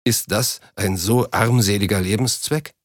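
A man's voice: on the low side, unhurried, no room sound, studio quality. A man reading an audiobook, voicing a proud, driven businessman who speaks curtly and a little irritably. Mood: defensive. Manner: curt, slightly irritated. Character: proud driven businessman, middle-aged, terse. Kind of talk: audiobook character voice.

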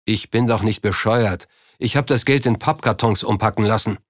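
A man voicing a gruff male crook with a rumbling voice, slow, coarse and threatening. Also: no room sound, studio quality, lightly acted. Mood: smug. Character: gruff male London crook, menacing and blunt.

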